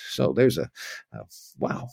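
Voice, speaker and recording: Gravelly low-voiced man lecturing on history. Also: sing-song, unhurried, darkish tone, dry recording. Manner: rambling, with many restarts and asides. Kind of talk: informal spoken lecture.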